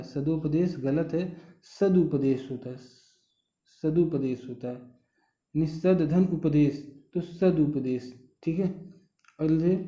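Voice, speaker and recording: A man's voice: a little high, mellow. A man teaching a spelling lesson, patient and repetitive, stretching out the words he corrects. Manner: patient, repeats words slowly and often says "thik hai". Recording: muffled roomy recording.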